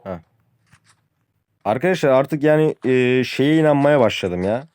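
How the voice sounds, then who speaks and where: A man's voice: medium pitch, expressive, a little slow, background noise. A young man giving casual gameplay commentary to his viewers, complaining at length about weak weapons and losing matches. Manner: frustrated, ranting about the game; addresses viewers as friends, says "abi" often. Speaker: gaming youtuber.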